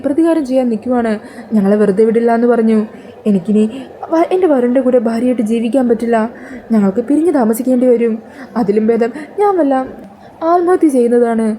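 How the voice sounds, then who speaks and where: A woman's voice: a little high, expressive, brisk, mellow, slight background noise, lightly acted. A woman voicing a tearful young wife in a serial recap, pleading and desperate. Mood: despairing.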